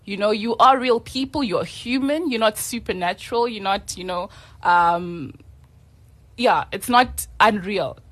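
A woman's voice: mid-range voice, measured pace, a bit bright. Earnest woman explaining a faith podcast. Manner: earnest, thinking aloud with fillers. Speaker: podcast co-host. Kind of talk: casual faith talk.

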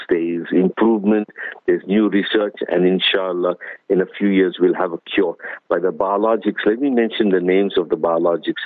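Hoarse, low-voiced man on a phone-like line. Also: dry recording. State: hoarse with flu and cough. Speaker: doctor, radio guest expert. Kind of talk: explanatory radio interview. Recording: narrow phone-like radio line.

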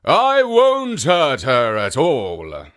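A reader playing a loud, gruff hairy ogre. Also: medium pitch, huge pitch swings, very slow, heavily acted. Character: big hairy people-eating male ogre, sly.

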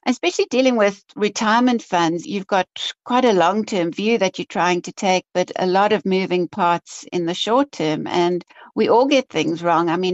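A woman's voice: lowish voice, muffled recording. A woman from Africa, an investment professional answering interview questions in a chatty way. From South Africa. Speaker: guest, chief investment officer.

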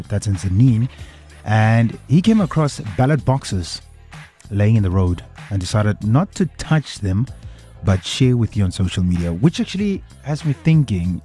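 A man's voice: lowish voice, warm tone. A man with a South African accent presenting a radio talk show conversationally, switching between English and Afrikaans. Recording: music bed behind voice. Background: background music.

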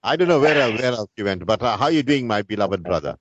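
A man with a South African Indian accent from Durban hosts a radio talk in a halting, rhetorical, conversational way. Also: on the low side, lively intonation, a little hiss or hum. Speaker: radio talk show host. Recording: dull, roomy radio sound.

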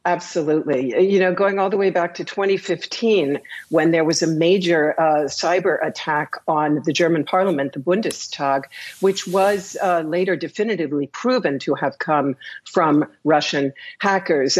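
A woman, the chief political correspondent, answering questions in a live news interview in a measured way with frequent filler pauses. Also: fairly low pitch, breathy edge, dull audio.

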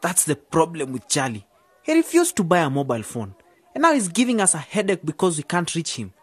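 A man's voice: fairly high pitch, wildly swooping pitch, a little fast, a bit bright, breathy edge, no echo, exaggerated voice. An actor playing a nervous, clumsy young man who stumbles over his words in a radio drama. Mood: flustered.

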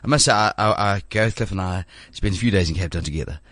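Dry recording, low male voice, fast delivery: a man in his thirties hosting a show. He rambles through a casual studio chat, animated, with many stumbling restarts.

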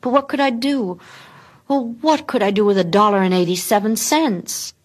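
A woman's voice: mid-range voice, moderate pace, voice pushed up, natural voice. A woman reading a story and voicing a loving, anxious young wife, impulsive and pleading, with a breathless manner. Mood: worried.

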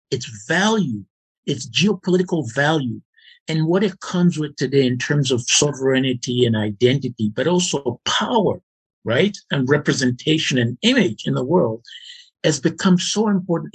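A man's voice: on the high side, breathy edge. A man explaining his argument as an interview guest, emphatic and repeating his points for stress.

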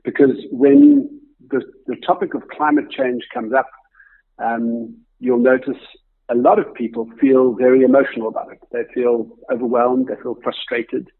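A man's voice: mid-range voice, fairly even intonation, moderate pace, husky. A man, a company co-founder and guest, answering interview questions thoughtfully, thinking aloud with fillers. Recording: tinny remote phone-like line.

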